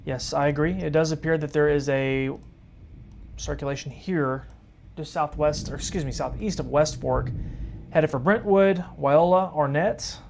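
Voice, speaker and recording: A man talks through live storm coverage in a casual, chatty way, often turning to his viewers as folks. His voice sits a touch high for a man, and he sounds tired. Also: a little slow, gravelly, darkish tone, a little hiss or hum. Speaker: storm-tracking livestream host. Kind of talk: live weather commentary.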